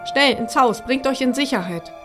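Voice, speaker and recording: Lady doing a gruff angry dad in an audio story, harsh and stern, clear music underneath. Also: mid-range voice, moderate pace, natural voice. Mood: urgent. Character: stern angry middle-aged father.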